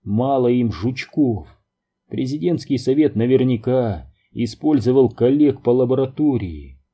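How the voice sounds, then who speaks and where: A man narrating an audiobook in a steady, measured reading. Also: medium pitch, husky, muffled recording. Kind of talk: scripted narration.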